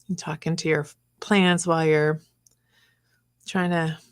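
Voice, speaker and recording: A woman hosts a live craft stream, chatting casually while she works and whispering to her artwork at times. Her low, level, unhurried voice sounds clean but a bit worn, as she's losing it and clears her throat.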